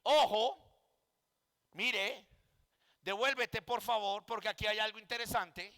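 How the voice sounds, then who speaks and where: Male preacher-teacher, very high pitch, emphatic lecturing with rhetorical questions, heard in a reverberant hall. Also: takes it slowly, pushed and bright. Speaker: Bible teacher and pastor. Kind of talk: Bible exegesis class.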